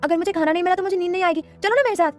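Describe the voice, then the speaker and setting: Brief: woman playing a babyish, frightened young woman in an audio story, high, quick and whiny. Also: soft background music. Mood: pleading. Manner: shrill, pleading, babyish.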